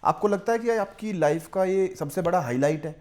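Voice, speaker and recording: A man hosting an interview, asking steady questions and murmuring along while he listens. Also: sits high, normal speed. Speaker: interviewer, podcast host. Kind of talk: casual interview conversation.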